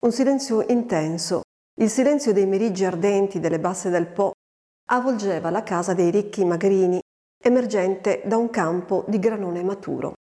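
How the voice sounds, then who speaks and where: A woman narrating a literary story in a measured, expressive way, recorded with a long reverb. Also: medium pitch. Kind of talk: literary audiobook reading.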